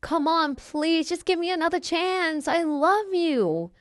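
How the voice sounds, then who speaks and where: A woman's voice: sits high, expressive, normal speed, a bit bright, clean tone, no room sound, clean studio sound. A woman voicing a young man, her apologetic ex-boyfriend, begging in a storytime retelling. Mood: pleading.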